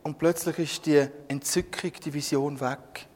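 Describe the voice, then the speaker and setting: A man with a Swiss German accent delivers a sermon in a high, unhurried voice, spinning the story with jokes and turning to people in the audience by name. His words ring out with a long, echoing reverb. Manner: lively, humorous storytelling, addressing listeners by name. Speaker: preacher.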